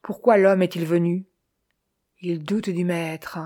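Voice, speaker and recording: A woman's voice: on the low side, steady tone, slow pace, warm tone. A woman reading an audiobook voices a fragile young female medium in a trance, speaking faintly and drowsily as if from far away. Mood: entranced. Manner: faint, distant and sleepy.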